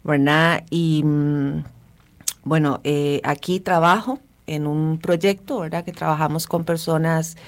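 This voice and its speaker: Low voiced woman from honduras, talks real slow, soft, lots of "verdad". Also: fairly even intonation. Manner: soft-spoken and unhurried, many fillers. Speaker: guest, refugee support worker. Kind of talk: radio interview.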